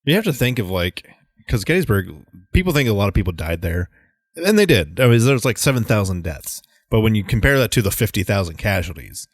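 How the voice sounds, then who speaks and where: A man's voice: fairly low pitch, big pitch swings, fairly quick, dry recording, studio quality. A young adult man co-hosting a podcast in casual chat, matter-of-fact and knowledgeable. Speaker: podcast co-host.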